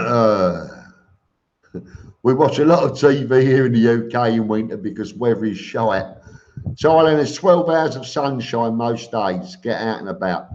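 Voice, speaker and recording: A man's voice: mid-range voice, animated, a little slow, a little mellow. A man hosting a casual live stream, reading out comments and answering them in an informal, blunt, matey way. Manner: informal and blunt, calls listeners mate. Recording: dull lo-fi live stream audio.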